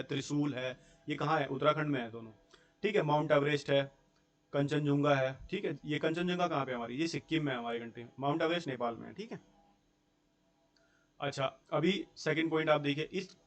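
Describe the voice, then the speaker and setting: A young man teaching a school geography class, explaining step by step in a mix of Hindi and English terms and checking in with his students. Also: a little high. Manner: explains step by step, often checks in with "theek hai" and rhetorical questions.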